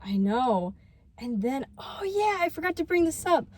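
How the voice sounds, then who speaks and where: A woman's voice: sits high, very animated, normal speed, darkish tone. A young woman telling a story in casual vlog chat, full of fillers. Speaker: vlogger.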